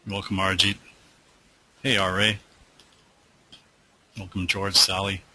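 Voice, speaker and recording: A man's voice: low voice, little pitch movement, takes it slowly, bright, forceful tone, slight background noise, poor audio. A man hosting a live trading webinar who answers viewer questions in a loose, rambling way with lots of fillers, and who is losing his voice.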